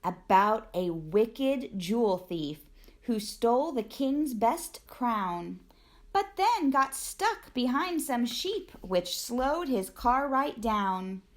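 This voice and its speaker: A woman reading a rhyming children's storybook aloud in an expressive, deliberate storytelling manner. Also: fairly high pitch. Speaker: teacher reading a picture book aloud.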